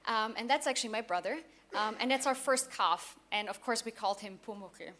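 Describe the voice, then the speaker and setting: A young woman from southeast Austria giving a conference talk as a company founder, often pausing with fillers and restarting her sentences. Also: fairly high pitch, a bit bright, slight background noise. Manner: hesitant, many fillers and restarts.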